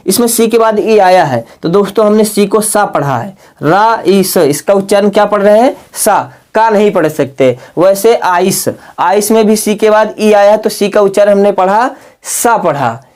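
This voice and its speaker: A man with a fairly high voice teaches a casual video lesson. He keeps asking his viewers questions and answering them himself, and he draws words out slowly as he spells them. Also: darkish tone. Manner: slow, drawn-out spelling aloud.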